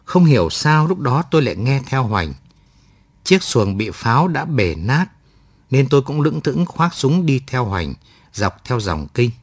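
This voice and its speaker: A man's voice: medium pitch, big pitch swings, measured pace, slightly rough, no room sound. A man narrating a first-person war story aloud in a reflective storytelling manner. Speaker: audiobook narrator.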